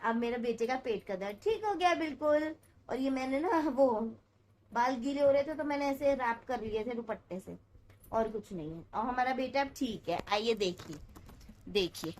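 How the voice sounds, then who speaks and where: A young woman vlogging at home about her day as a new mother, chatty and tired, with a hoarse, sore-throated voice and English words mixed into her talk. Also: a little high, fairly bright tone, a little hiss or hum. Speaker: mom vlogger. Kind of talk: casual vlog chat to camera.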